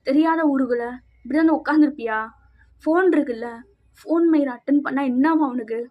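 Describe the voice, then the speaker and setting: A woman's voice: sits high, a little fast, natural voice. A woman voicing a remorseful young husband who anxiously searches for his wife and calls out to her. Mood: scolding, worried. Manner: pleading, anxious calling out. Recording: slightly dull with faint music.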